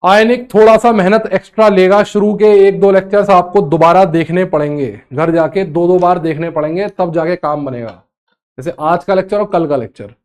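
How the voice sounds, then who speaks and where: High-voiced man teaching chemistry. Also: a little fast, a little mellow. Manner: scolding, teasing, repeats phrases. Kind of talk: online lecture.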